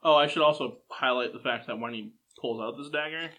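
A man's voice: medium pitch, fairly quick, pushed and bright. A young man running a tabletop game as game master, narrating with frequent ums and hesitations.

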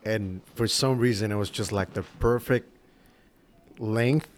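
A man with a lowish voice hosts a casual podcast chat. He is a barber who tells shop stories, swears freely and acts out the quotes with lively energy. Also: unhurried, a little hiss or hum. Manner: swears freely, animated storytelling with acted quotes. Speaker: podcast host.

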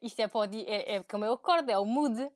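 A woman's voice: on the high side, fast. A young woman with a European Portuguese accent, co-hosting a podcast in a joking, teasing chat. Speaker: podcast co-host. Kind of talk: casual chat.

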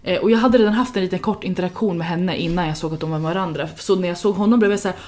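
A young woman from Sweden, podcast host chatting casually, telling an animated story and acting out what people said. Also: fairly low pitch. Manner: animated storyteller, acts out quotes, mixes in English.

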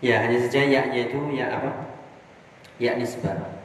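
A man's voice: mid-range voice, steady tone, moderate pace, a little hiss or hum. A man teaching Arabic grammar from a classical text, putting questions to his students and answering them himself. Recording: echoey hall from far off.

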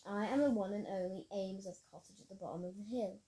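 Woman reading as a mysterious young man, calm, matter-of-fact, mellow voice. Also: mid-range voice, fast talker, natural voice, poor audio. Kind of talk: reading a story aloud.

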